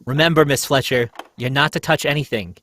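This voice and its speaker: A man's voice: mid-range voice, fairly quick, fairly bright tone, slight background noise, lightly acted. A man playing a stern, bossy police inspector in old-time radio mystery style, giving clipped commands. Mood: commanding.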